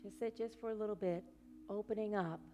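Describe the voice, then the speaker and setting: A woman minister leading a congregation in prayer and guided meditation, speaking slowly and soothingly. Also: mid-range voice, fairly even intonation. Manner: slow, soothing, gentle. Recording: music playing behind the voice.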